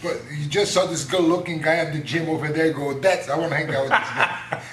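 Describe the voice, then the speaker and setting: A man's voice: fairly high pitch, brisk, fairly bright tone, roomy sound, slight background noise. A man hosting a casual interview, teasing his guest and asking questions. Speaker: host, martial arts teacher.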